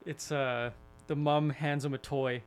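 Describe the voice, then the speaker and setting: Male podcast co-host, slightly higher voice, rambling casual anecdotes. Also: flat delivery, unhurried, smooth. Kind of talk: casual chat.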